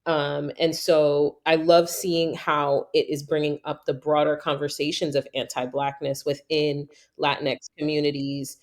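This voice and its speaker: A woman's voice: sits low, level tone, unhurried, hardly any pauses. A woman from New York hosting a casual interview, talking in a thoughtful, conversational way. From New York, USA. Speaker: podcast host.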